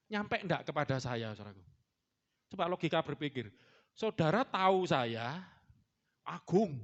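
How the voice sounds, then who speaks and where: A man's voice: on the high side, a bit bright. A male pastor with an East Javanese accent gives a chatty, teasing sermon in a church, slipping in Javanese words. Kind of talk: casual joking sermon. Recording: dull lo-fi recording.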